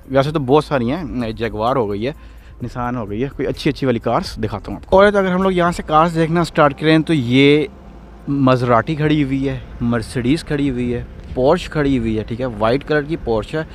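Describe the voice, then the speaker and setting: This casual walk-and-talk vlog follows a medium-pitched man with a Pakistani Urdu accent around an outdoor car auction lot, shot on a handheld phone camera. He chats excitedly and exclaims over the cars, with a little hiss or hum in the audio.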